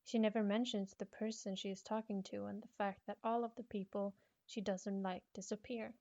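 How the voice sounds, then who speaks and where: A woman's voice: medium pitch, little pitch movement, moderate pace, warm tone, dry recording, muffled recording. A woman telling a spooky horror story as a scripted first-person narration.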